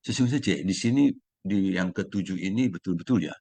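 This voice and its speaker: Casting: man with a very low voice giving a Buddhist teaching, measured, close and dry recording. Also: dark tone, no room sound. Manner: measured, with many hesitant fillers when explaining freely. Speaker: Buddhist Dharma sharing speaker. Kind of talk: Dharma talk, reading then explaining.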